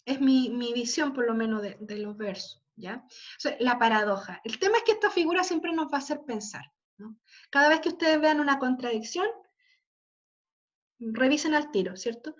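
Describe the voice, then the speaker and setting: A woman's voice: high-pitched, normal speed. A woman giving a literature class, explaining patiently and checking in with "¿ya?" and "¿cierto?". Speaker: literature teacher. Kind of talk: online class lecture. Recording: slightly dull lo-fi audio.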